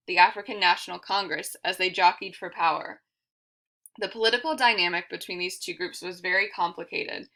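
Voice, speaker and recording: A woman reading a memoir aloud for a library, in a steady, measured storytelling manner. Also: mid-range voice. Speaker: library reader.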